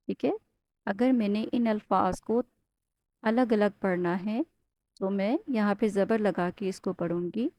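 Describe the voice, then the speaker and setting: A woman from Pakistan, teaching Quran recitation step by step. She explains patiently, often checks in with the learner, and slowly chants Arabic words as models. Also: mid-range voice, dark tone, no echo. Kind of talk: step-by-step Tajweed lesson.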